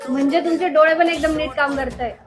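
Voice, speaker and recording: A woman acting in a comedy sketch, playing a brisk, deadpan doctor. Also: sits high. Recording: music under the voice.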